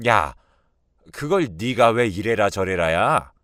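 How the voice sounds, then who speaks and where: A man voicing a domineering older mother-in-law who shouts at her daughter-in-law with contempt, in a radio drama. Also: on the low side, expressive, takes it slowly, dry recording, clean studio sound. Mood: scornful, shouting.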